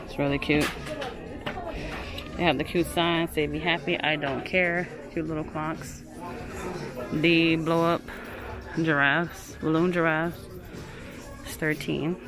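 In a large home goods store with music in the background, a female shopping vlogger records on a handheld phone, chatting about products and reading their prices. Her low voice stays level, and she takes things slowly with frequent pauses. She keeps describing items as cute.

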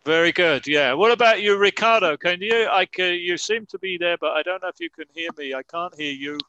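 A man teaching English grammar in Spanish to students on a video call, slowly repeating example sentences to model pronunciation. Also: high-pitched, sharp tone, highs cut off, slight background noise. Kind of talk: online class explaining grammar.

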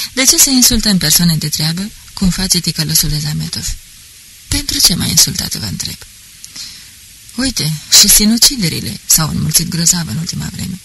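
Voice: mid-range voice, pushed and bright, slight background noise, poor audio. An audiobook reader voicing a boastful, talkative middle-aged police officer who rambles pompously. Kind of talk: audiobook character reading.

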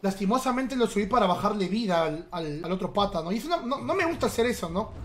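This game streamer talks fast in a high, expressive voice as he plays. His live commentary is casual and playful, full of teasing and back-and-forth chatter with viewers.

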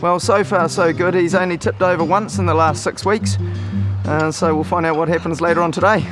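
A man in middle age with a broad Kiwi accent and a fairly high voice. He talks like an outdoor guide giving casual instructions, with clear music behind him. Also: fairly even intonation, brisk. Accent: New Zealand. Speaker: river guide. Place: outdoors on a riverbank.

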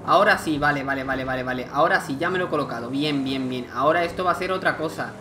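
A man's voice: mid-range voice, quick pace, over music. A man who chats and thinks aloud while playing a game, reading game text aloud as he goes. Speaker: gameplay commentator. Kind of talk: let's play commentary.

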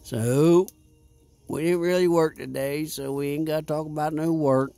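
A man's voice: a little high, fairly even intonation, moderate pace, vocal fry, dark tone, no room sound, faint music behind. A man hosting a casual outdoor beer review by a fire, rambling and repeating himself in a laid-back way. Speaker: vlog host.

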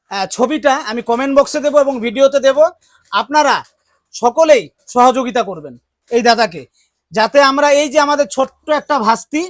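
A man from West Bengal hosting a charity vlog, calming someone with repeated gentle urging. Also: very high voice, no room sound. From West Bengal, India. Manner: soothing, repetitive coaxing. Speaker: charity vlogger. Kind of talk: casual vlog talk.

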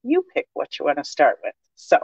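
A chatty woman demonstrates crafts on a live stream, her voice a bit low. She has a slight cold and talks around a cough drop. The sound is dry and a little dull, like a home recording. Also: wildly swooping pitch, normal speed, dry recording. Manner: chatty, warm, many fillers and asides to viewers.

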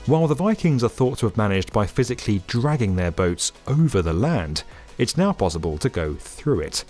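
A man narrating a scripted documentary in a lively, upbeat explainer manner. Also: on the low side, normal speed. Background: faint background music.

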